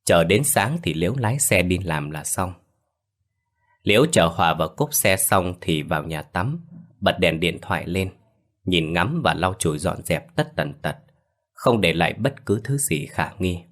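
Deep-voiced male storyteller. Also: expressive, a little slow, fairly bright tone. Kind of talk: scripted horror story narration.

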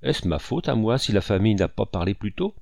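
A man's voice: fairly low pitch, animated, a little fast, vocal fry, darkish tone, dry recording, studio quality. A man reading an audiobook and voicing an impulsive, effusive old colonel with emphatic exclamations.

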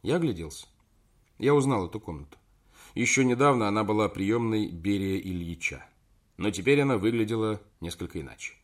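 A man's voice: lowish voice, animated, brisk. A man narrating a first-person story as an audiobook, turning emphatic when he voices the dialogue.

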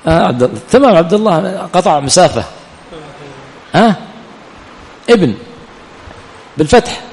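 A man's voice: sits high, very animated, normal speed, darkish tone. A man teaching a classroom lesson, quizzing his students and then answering his own questions. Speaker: teacher of hadith and grammar. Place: lecture hall of an Islamic study center. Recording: long hall reverb, faint room ambience.

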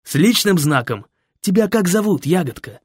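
A man's voice: high voice, very animated, normal speed, breathy edge, dry recording, studio quality, voice pushed up, full character voice. A male reader voicing Fred, a brash, jovial biker designer who talks in slang and bosses everyone around. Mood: cheery. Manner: slangy, bossy and boisterous. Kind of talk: audiobook character voice.

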